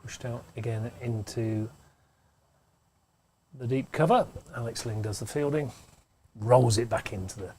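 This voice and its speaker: A man's voice: mid-range voice, measured pace, pauses often, slight background noise. Chatty man calling club cricket. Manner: chatty, relaxed, banters with co-commentator. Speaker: cricket commentator. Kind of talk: live amateur cricket commentary. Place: indoor pavilion room.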